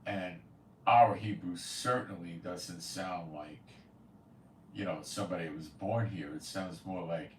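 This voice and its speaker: Low-pitched and unhurried, this man hosts a channel commenting on prophecy, delivering a loose, rambling monologue full of blunt, dismissive opinions. It's recorded far from the microphone in an echoey room with a little background noise.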